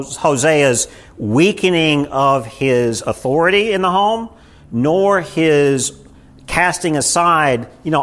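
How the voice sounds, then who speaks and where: Slightly high-voiced man preaching conversationally. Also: fairly bright tone. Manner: asks the room frequent rhetorical questions. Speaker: pastor teaching a Bible study. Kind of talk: conversational sermon. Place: church meeting room with a small group.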